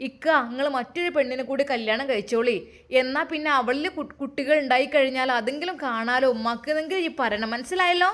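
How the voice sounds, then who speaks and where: A domineering older mother-in-law nags and taunts in a thick Malappuram accent, as a woman puts her on. Her voice sits high and carries hard, pressing every demand. She sounds like a figure from a homemade family story drama. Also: fast. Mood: scolding. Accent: Malappuram Malayalam. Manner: loud, nagging and taunting. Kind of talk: amateur story drama reading.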